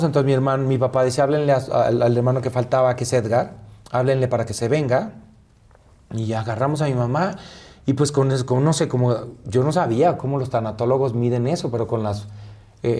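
A man, an interview guest, telling a personal story in a soft, halting way with many pauses and fillers. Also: medium pitch.

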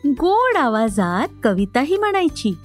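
Playful, high-voiced woman storyteller. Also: big pitch swings, unhurried, faint music behind. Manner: playful and sing-song. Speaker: storyteller host. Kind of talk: children's story podcast narration.

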